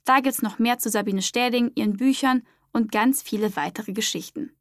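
Chatty podcast host, woman, a bit high-pitched, dry recording. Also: moderate pace, no room sound. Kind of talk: friendly outro announcement.

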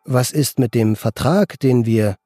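A man's voice: medium pitch, warm tone, dry recording, faint music behind, lightly acted. Jittery guy on the phone, stumbling over words, read out by an audiobook narrator. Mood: nervous. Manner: halting, stammering. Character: nervous hesitant man on a phone call.

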